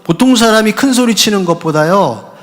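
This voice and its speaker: A pastor from Jeju Island preaching a sermon in short runs, each paused for an interpreter, in a church. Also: male voice, sits high, lively intonation, in a large hall. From Jeju Island, Korea. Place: church sanctuary.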